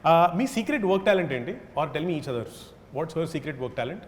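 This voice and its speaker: Lively teasing male interview host. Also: fairly high pitch. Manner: teasing, quick questions. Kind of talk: playful rapid-fire interview. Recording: roomy reverb, faint background noise.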